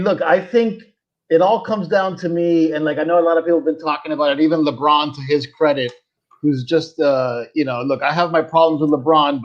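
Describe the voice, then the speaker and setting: A man chatting casually and emphatically about sports as a podcast guest. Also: fairly high pitch. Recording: dull lo-fi remote microphone.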